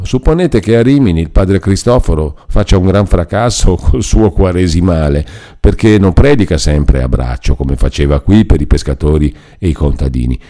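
A man's voice: low voice, dark tone. A man reading aloud and voicing a chatty, self-important older male friar who explains at length. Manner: garrulous, explaining, reassuring.

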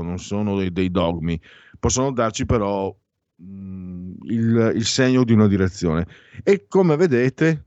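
A man's voice: medium pitch, darkish tone, no echo, dull audio. An older man hosting a live radio talk show, commenting in a hesitant, rambling way and often correcting himself.

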